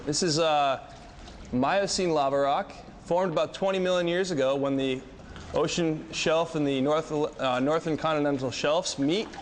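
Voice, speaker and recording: A man's voice: fairly high pitch, normal speed. A man guiding visitors through sea caves, explaining informally and matter-of-factly, with cave echo on his voice. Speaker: sea cave tour guide. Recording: long cave echo, faint noise.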